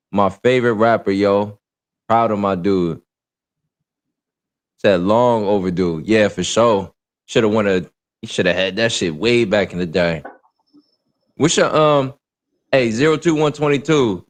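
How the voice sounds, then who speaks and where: A man hosting a casual live stream discussion, laid-back and a little tipsy, giving shout-outs to viewers. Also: on the low side, unhurried. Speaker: livestream host.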